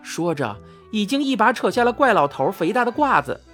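Woman storyteller, animated pitch, expressive reading, faint music underneath. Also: fairly quick. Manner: lively, acts out the quoted lines.

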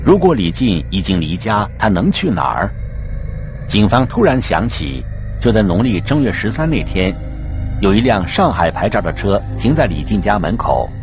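Man, true crime narrator, low pitch, lively swooping intonation, dramatic scripted delivery, music underneath, dull sound. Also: moderate pace. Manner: dramatic storytelling with rhetorical questions. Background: clear background music.

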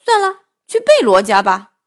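A woman's voice: a little high, wildly swooping pitch, moderate pace, voice pushed down. A woman voicing a cheerful, greedy big grey male wolf in a children's story, chuckling to himself as he talks. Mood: gleeful.

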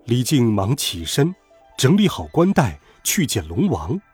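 A man telling a classic myth as scripted storybook narration, dramatic and expressive. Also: medium pitch, unhurried, breathy edge, no room sound, faint music behind.

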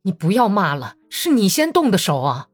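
A woman's voice: medium pitch, wildly swooping pitch, normal speed, husky, faint music behind. A woman reading an audiobook voices a strong young Cossack man who speaks in a tense, pressing way. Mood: pleading.

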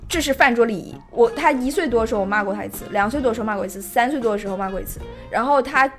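Animated young woman telling a story. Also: on the high side, very fast. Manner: animated storyteller who acts out quoted lines. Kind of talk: casual chat, telling a family story. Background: music playing underneath.

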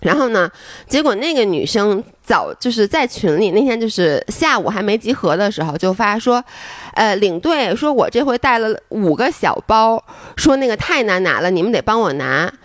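A woman from Beijing co-hosting a podcast, telling a long story in casual chat, animated, with lots of fillers and frequent laughter. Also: medium pitch, moderate pace, no echo. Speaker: podcast co-host.

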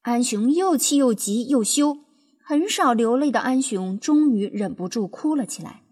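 A woman narrating a children's storybook in an expressive, lively storytelling manner. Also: a little high, moderate pace, slightly rough. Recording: music playing behind.

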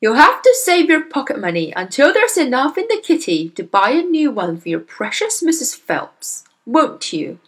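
A woman's voice: high-pitched, very animated, very slow, a little mellow, voice pushed up, full character voice. A woman voicing a bad-tempered bullying father who barks and sneers. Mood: mocking. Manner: snapping, barking, sneering.

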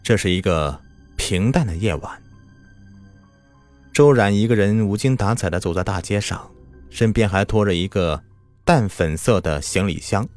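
A man's voice: lowish voice, normal speed, pauses often, a little mellow. A man telling a scripted horror story in a dramatic style that builds tension, over background music.

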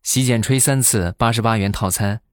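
A man voicing a pushy young female street promoter with an eager, persistent sales pitch. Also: moderate pace, heavy background noise, close to an everyday voice.

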